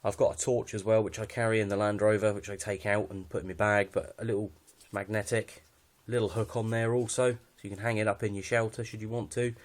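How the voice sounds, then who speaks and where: In this unscripted gear walkthrough, a man with a British accent talks fairly quickly and rarely pauses, his lowish voice holding a steady tone. As a hobbyist showing his kit, he comes across as matter-of-fact, understated and slightly hesitant.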